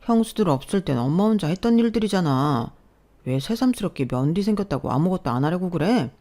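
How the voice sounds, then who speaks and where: A woman's voice: fairly low pitch, expressive, fairly quick, warm tone. A woman plays the youngest son of a family in a radio drama, a young husband who argues bluntly and stubbornly with his parents and brothers. His talk is plain-spoken and pushy. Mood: arguing. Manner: blunt, argumentative pleading.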